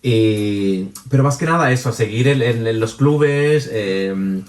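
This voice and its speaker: A Chilean man speaking as an interview guest, chatting casually and lively, with many restarts and laughs. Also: medium pitch, takes it slowly, recorded from a distance. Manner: animated, many restarts and fillers, laughs easily. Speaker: interview guest, drag performer and DJ. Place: room with a jacuzzi.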